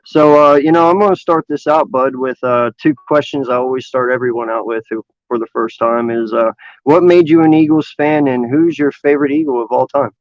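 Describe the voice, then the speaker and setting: A man's voice: medium pitch, fairly even intonation, fairly quick, no echo. A man in his thirties hosting a casual sports podcast, easygoing and chatty. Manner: easygoing, plugs the channel. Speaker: podcast host. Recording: dull lo-fi online call audio.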